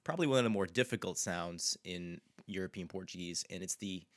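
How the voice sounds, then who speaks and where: A man, a language teacher, explaining pronunciation in an unhurried way and repeating example words slowly. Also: deep voice, fairly bright tone, no room sound, studio quality.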